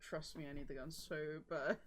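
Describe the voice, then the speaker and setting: A woman hosting a casual game stream, playful and quick to laugh. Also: deep voice, a crowd in the background. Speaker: streamer host. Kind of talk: casual gameplay commentary.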